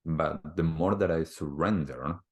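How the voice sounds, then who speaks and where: A man from Argentina with an extremely low voice, speaking as a wellbeing coach on a podcast. He talks in a thoughtful, unhurried way and leans on "you know, like" as he works through his ideas. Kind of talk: reflective conversational talk.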